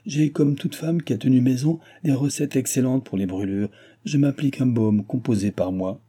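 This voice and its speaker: A man's voice: medium pitch, normal speed, warm tone, pitched above the performer's own voice, lightly acted. A man reading the lines of a cunning old noblewoman who complains of her pain and bargains shrewdly. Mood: plaintive. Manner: plaintive, guarded, shrewd bargaining.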